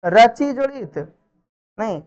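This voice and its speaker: A woman teaching Sanskrit grammar in a classroom, firing repeated questions at her pupils and gently scolding them. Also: on the high side, expressive, takes it slowly, lo-fi sound. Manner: drills students with repeated questions and answers; chiding, familiar address to pupils. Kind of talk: live classroom teaching in Hindi. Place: classroom with students.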